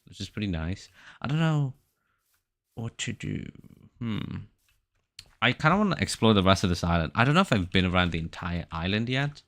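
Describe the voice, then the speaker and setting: A man's voice: sits low, a bit bright. A man in his early twenties chatting casually to his live-stream viewers while playing, rambling and poking fun at himself. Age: about 21. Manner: rambling, self-mocking, joking chatter.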